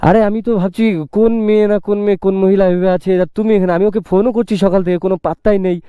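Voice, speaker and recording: A man's voice: sits high, steady tone, rapid-fire, smooth, dry recording, narrow, tinny audio. Earnest, coaxing man from West Bengal. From West Bengal, India. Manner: earnest, coaxing, repeats pleas. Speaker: motovlogger host. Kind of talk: staged roadside vlog. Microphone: helmet-worn mic on a bike.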